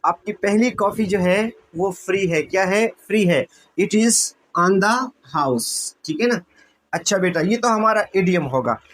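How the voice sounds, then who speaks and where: A man's voice: high-pitched, moderate pace, low-quality recording. A man teaching English vocabulary, repeating words and asking and answering his own questions to his students. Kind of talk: classroom-style lesson explanation.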